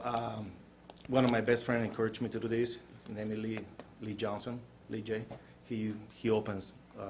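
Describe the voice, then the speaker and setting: A man from Chile, introducing himself at a council meeting in a halting way, with many fillers and restarts. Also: on the low side, a little hiss or hum. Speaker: restaurant owner applying for a license. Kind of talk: nervous self-introduction at a public meeting. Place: council chamber.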